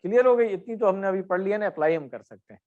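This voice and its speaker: A man's voice: high voice, phone-quality sound. A middle-aged man teaching Arabic grammar in an online class, correcting and quizzing his students by name.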